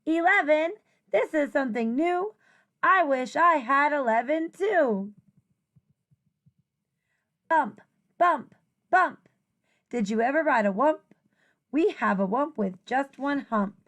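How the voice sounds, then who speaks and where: A high-pitched woman teacher reads a rhyming picture book for children, deliberate and expressive in a singsong way.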